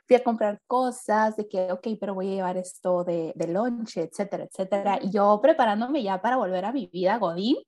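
A young woman, chatting casually as a podcast guest. Her voice sits a little high, and she acts out each quoted line with big, animated leaps in pitch. She tells her story in a relaxed, conversational way.

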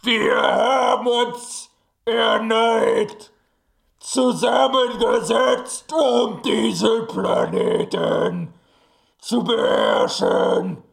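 A man voicing a gloating alien conqueror who booms out slow threats in an improvised audio play. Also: fairly even intonation, creaky, heavily acted. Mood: menacing. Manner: slow, booming, gloating laughter.

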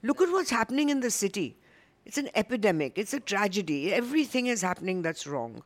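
A woman's voice: medium pitch, sing-song, quick pace. A woman with a North Indian accent giving opinions emphatically in a panel discussion, driving her points home.

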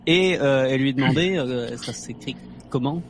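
A man's voice: medium pitch, normal speed, slight background noise. A man playing a tabletop role-playing game, hesitant and full of fillers, laughing easily. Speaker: player. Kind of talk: casual play chat.

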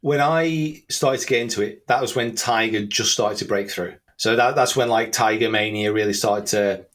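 An Englishman in his thirties, appearing as an interview guest, chats casually and pokes fun at himself. His voice is on the low side and a bit bright, at a moderate pace.

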